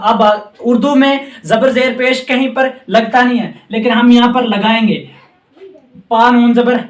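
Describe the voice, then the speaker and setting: High-voiced man teaching recitation in an echoey room. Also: far from the mic. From Jammu and Kashmir. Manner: patient, repetitive drilling of sounds, often says remember. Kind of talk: tajweed lesson at a board. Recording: echoey room, speaker away from mic.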